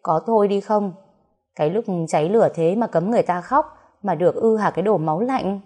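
A woman's voice: mid-range voice, brisk, mellow, natural voice. A woman voicing a blunt, impatient snake spirit who grumbles and snaps at others. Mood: grumbling. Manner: snappy, grumbling.

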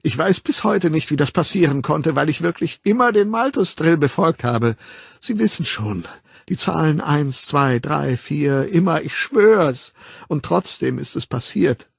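A weepy, gossipy woman whines and pleads in a high, wildly swinging voice, put on by a man reading a storybook. The tone is husky, and the recording is dry and close, with no room sound. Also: no echo, full character voice. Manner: high, pleading and whining, breaking into whispers. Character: distraught middle-aged woman, tearful, gossipy, self-pitying.

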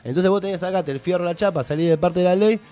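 A young Argentine man with a Rioplatense accent tells a heated story on the radio, in slang. He talks very fast and acts out the other man's lines as he goes. His voice sits a bit high. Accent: Argentine Rioplatense Spanish. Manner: animated, slangy, acts out both sides of quarrels. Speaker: radio co-host.

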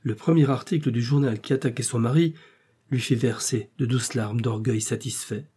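A man narrating a classic novel in a steady, measured reading. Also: medium pitch, breathy edge. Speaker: audiobook narrator.

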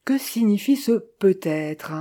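A reader voicing an idle, impatient young man in an audiobook, talking in a brisk way. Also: mid-range voice, lively intonation, mellow, lightly acted.

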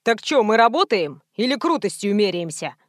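A woman's voice: mid-range voice, sing-song, moderate pace, no echo, studio quality, lightly acted. A woman voicing a rude, bossy male director who barks orders, in an audiobook reading. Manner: brusque, rude, commanding.

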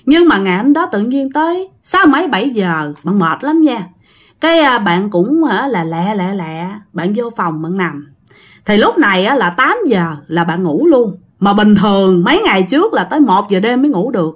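Lively Southern Vietnamese woman storyteller. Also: medium pitch, moderate pace. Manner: chatty, talks directly to listeners. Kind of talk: casual ghost story narration.

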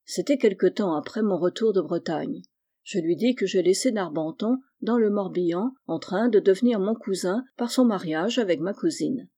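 A reader voicing a troubled young man who speaks earnestly and deliberately in an audiobook. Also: mid-range voice, mellow, lightly acted. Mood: measured. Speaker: character in a novel reading. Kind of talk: dramatic audiobook reading.

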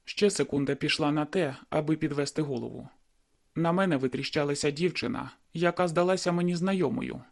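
A man's voice: fairly high pitch, fairly quick, creaky, a little mellow. A man reading a first-person novel aloud in a brooding, inward manner. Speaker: audiobook narrator. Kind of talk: first-person audiobook narration.

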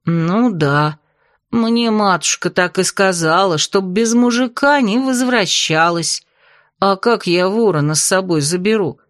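A woman voicing a big, nosy young bride who drawls her prying questions slowly. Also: medium pitch, no echo, studio quality, close to an everyday voice. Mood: dreamy.

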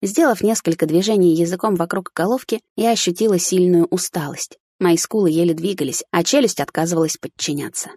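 A woman narrating a first-person story in an even, matter-of-fact reading. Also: lowish voice, brisk, few pauses, breathy edge, no echo. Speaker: audiobook narrator.

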